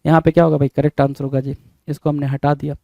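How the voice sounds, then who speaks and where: A man's voice: fairly high pitch, flat delivery, fast talker, vocal fry, dark tone, no room sound, muffled recording. A man teaching English spelling in Hindi, spelling words letter by letter and repeatedly asking the listener what the answer is. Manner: repeats questions to the listener, often adding "bhai".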